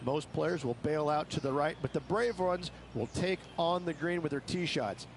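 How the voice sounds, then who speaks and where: Golf game course guide, played by a man: explanatory male analyst, scripted hole previews, fairly high pitch, light background noise. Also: normal speed, lightly acted. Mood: explanatory, measured.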